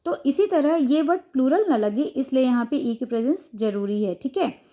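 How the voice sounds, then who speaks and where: A young woman with an Indian accent explaining a phonics lesson patiently, often pausing to check the listener is following. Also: high voice, animated, warm tone. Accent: Indian English. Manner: patient, repeats "ठीक है" to check understanding. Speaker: teacher and channel host.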